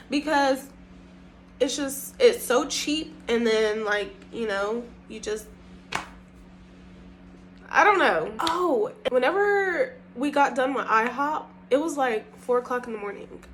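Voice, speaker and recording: Animated young woman telling a story. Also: high voice, a little hiss or hum. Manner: animated, profane, breaks into laughter. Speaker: storytime vlogger. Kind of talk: casual storytelling.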